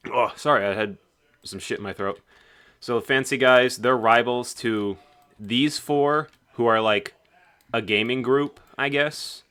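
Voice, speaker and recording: A man's voice: mid-range voice, bright, forceful tone, smooth. A man casually narrating a game devlog in a rambling, offhand way. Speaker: game developer.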